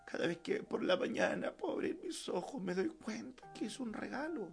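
Gravelly-voiced fervent male pastor preaching. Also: high-pitched, very animated, moderate pace, faint music behind. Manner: fervent preaching with emphatic repetition. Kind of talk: sermon. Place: church service.

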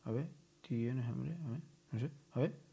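A man's voice: medium pitch, unhurried, vocal fry, warm tone. A young man co-hosting a casual podcast, chatting with lots of fillers and hesitations. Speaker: podcast co-host. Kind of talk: casual chat among friends.

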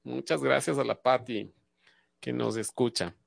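Very low gravelly woman host. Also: fairly even intonation, unhurried. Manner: warm thanks, sums up the guest's points. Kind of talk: talk-show hosting.

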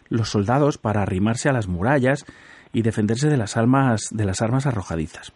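Dark husky-voiced radio host. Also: male voice, mid-range voice, no echo. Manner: chatty, laughs often, explains word origins. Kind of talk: casual radio chat.

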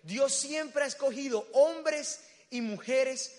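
A young man, preaching and telling a story with acted-out voices and sudden shouts. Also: extremely high pitch, slow pace. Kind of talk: storytelling sermon. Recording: reverberant hall.

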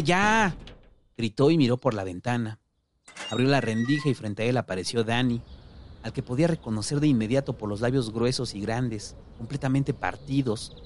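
A man narrating a story in a steady, measured reading voice. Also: medium pitch, slight background noise. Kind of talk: audiobook narration.

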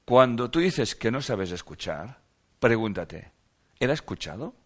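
A man's voice: mid-range voice, sing-song, a little slow. A man giving a reflective self-help talk, reading passages aloud and asking rhetorical questions with repeated phrases for emphasis.

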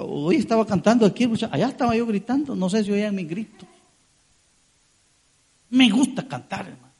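A male pastor preaches with a high, husky voice whose pitch swings all over. He speaks straight to the congregation with questions and briefly plays the people in his examples. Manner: lively, talks to the congregation, acts out quoted voices. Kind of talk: sermon.

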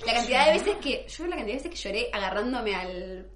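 A young woman with an Argentine accent, co-hosting a casual podcast chat, quick and chatty. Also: fairly high pitch, expressive, reverberant, a little hiss or hum. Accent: Argentine Spanish. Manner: quick, chatty, laughs often. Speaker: podcast co-host.

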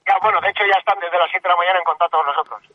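A man's voice: sits high, fairly even intonation, racing, dry recording. A man giving brief on-the-road updates, heard over a walkie-talkie relayed through a phone call. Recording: lo-fi walkie-talkie from far off with loud crowd noise.

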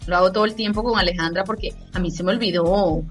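A woman's voice: lowish voice, steady tone, fast, faint music behind. A woman on a casual panel chat talking emphatically and with exclamations about her daughter. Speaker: co-host.

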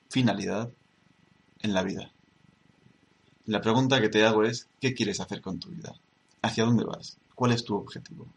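A man from teaching a yoga tutorial, speaking in a measured way and repeating key words for emphasis. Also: on the low side, creaky, husky. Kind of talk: spoken tutorial.

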